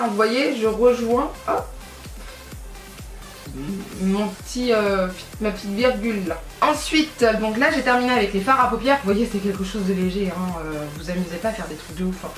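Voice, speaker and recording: A woman's voice: medium pitch, a bit bright, far from the mic. A woman chatting casually through a makeup tutorial, rambling and correcting herself often, with many fillers. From France. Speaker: beauty vlogger. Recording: echoey room, voice a bit off-mic, faint music.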